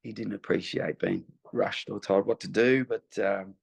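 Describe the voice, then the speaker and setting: Low gravelly man telling stories haltingly. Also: fairly even intonation, highs cut off. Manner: rambling, hesitant storytelling. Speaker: guest musician. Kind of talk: interview anecdote.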